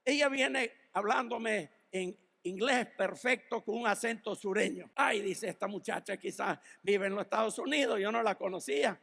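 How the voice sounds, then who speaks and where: Man, pastor, sermon, storytelling, reads scripture, raspy creak in the voice. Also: high-pitched, normal speed, fairly bright tone, in a large hall. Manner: storytelling, laughs at his own stories; reads Bible verses then applies them to the listeners.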